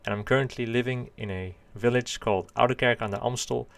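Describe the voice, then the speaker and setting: A Dutch man in his twenties from the Netherlands hosts a channel, delivering a scripted monologue that is earnest and carefully hedged. His voice is medium-pitched and creaky, with fairly even intonation and a brisk pace, recorded without echo.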